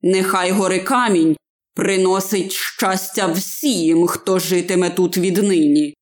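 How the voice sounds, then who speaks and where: A woman voicing a solemn grown man speaking slow words over a grave. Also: lowish voice, steady tone. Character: solemn grown male archer-king at a grave.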